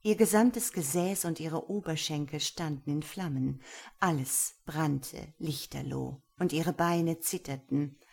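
A woman reading an audiobook in a slow, measured, hushed manner. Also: low voice, creaky, slightly rough. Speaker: narrator. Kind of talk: audiobook narration.

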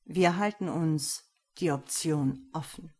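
A smug, calculating man who weighs each word coolly, as a woman reading a story puts him on. The voice is husky, and the delivery is slow. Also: deep voice, mellow, heavily acted.

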